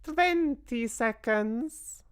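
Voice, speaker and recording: A woman voicing a shrieking, imperious old witch leader in a storybook reading, with a shrill, hissing, theatrical delivery. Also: expressive, very slow, smooth, no echo, clean studio sound. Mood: gloating countdown.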